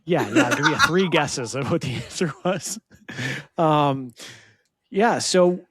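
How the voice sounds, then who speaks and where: A man's voice: fairly high pitch, lively intonation, takes it slowly, heavy background noise. A man co-hosting a podcast in casual conversation, telling stories in a laughing, self-deprecating way. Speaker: podcast co-host. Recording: dry close sound.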